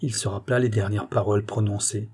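A man narrating an audiobook of a classic novel in a measured, dramatic way. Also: lowish voice, steady tone, a little mellow.

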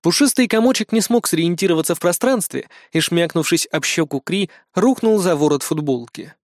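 An audiobook reader narrating in an even, storytelling delivery at a mid pitch. The voice is recorded close, with no room sound at all. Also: fairly quick, no echo. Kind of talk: scripted narration.

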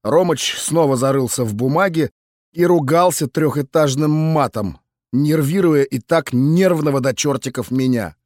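A man's voice: a little high, moderate pace, darkish tone, no room sound, studio quality. A man narrating an audiobook in the first person, wry and matter-of-fact.

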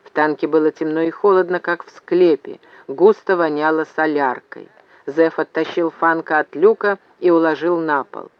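A man narrates an audiobook in a steady storytelling manner. His voice sits a little higher than most men's. The recording is dry and sounds slightly dull. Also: moderate pace, clear, resonant tone, dry recording. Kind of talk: scripted narration.

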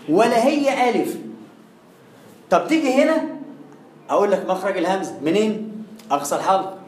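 Fast-talking Egyptian man teaching. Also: high-pitched, echoey room, low-quality recording. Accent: Egyptian Arabic. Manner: lively, addresses the listener directly, demonstrates sounds. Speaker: Quran recitation teacher. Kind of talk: classroom lecture.

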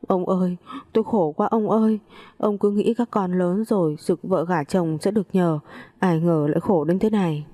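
A woman's voice: fairly low pitch, fairly quick, warm tone, lightly acted. A woman voicing a scheming mother-in-law in her late fifties who wails and pities herself tearfully. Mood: wailing. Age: 50s. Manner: tearful, self-pitying wailing.

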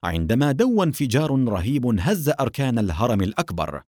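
A male narrator reading an audiobook novel with expressive, dramatic storytelling. His pitch rises and falls vividly. The recording is dry and close, with no room sound. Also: fast talker, no room sound.

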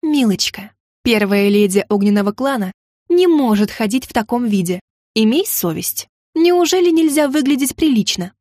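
A woman voicing a haughty, hysterical noble mother who scolds in a shrill voice. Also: animated, moderate pace, darkish tone, dry recording, studio quality. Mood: scornful.

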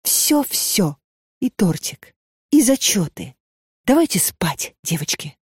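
A woman's voice: medium pitch, very animated, slow pace, a little mellow, breathy edge, no echo, studio quality, exaggerated voice. A reader voicing a frightened young female student who cries out in a desperate, strangled voice. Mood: dreamy.

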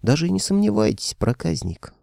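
A man's voice: on the high side, sing-song, brisk, gravelly, mellow, no room sound, studio quality, pitched above the performer's own voice, exaggerated voice. A man voicing a coy, flirtatious sea queen with a lightly raised, teasing voice.

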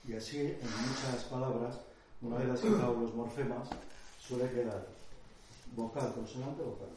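A man's voice: mid-range voice, moderate pace, warm tone. A man giving a conversational talk at a conference, explaining with examples and thinking aloud as he goes. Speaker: lecturer. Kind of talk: conference talk with audience questions. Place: lecture hall. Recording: echoey hall, distant mic, faint noise.

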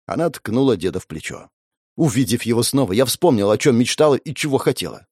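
A man reading a first-person fantasy novel aloud in an expressive, animated way at a close microphone. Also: medium pitch, brisk, husky, no echo. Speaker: audiobook narrator.

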